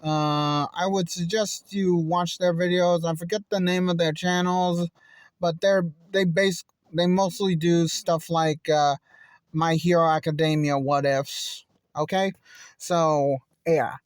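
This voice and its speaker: Halting fan creator chatting to viewers. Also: medium pitch, fairly even intonation, no echo. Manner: halting, full of pauses and fillers. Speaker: video creator. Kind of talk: casual chat to viewers.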